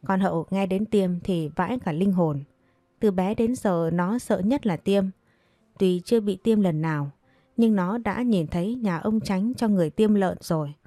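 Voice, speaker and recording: A woman narrating a story in a lively, colloquial way. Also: medium pitch, no room sound.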